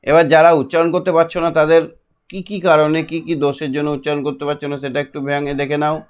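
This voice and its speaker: A middle-aged man teaching a classroom lesson, patiently repeating and drilling syllables slowly. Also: on the high side, flat delivery, smooth.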